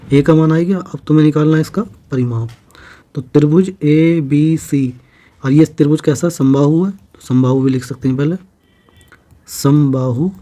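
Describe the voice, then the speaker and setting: A man's voice: medium pitch, dark tone. A man explaining exam math problems step by step, patiently checking in with his students as he goes. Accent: Hindi-speaking North Indian. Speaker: math teacher. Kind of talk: exam-prep math lesson.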